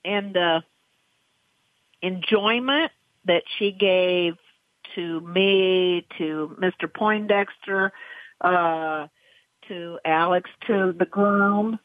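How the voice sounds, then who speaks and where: A woman's voice: very slow, pauses often, dry recording. A woman racehorse trainer in a phone interview, talking in an emotional, rambling way. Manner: emotional, rambling, voice jumps high when excited. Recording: tinny dry phone line.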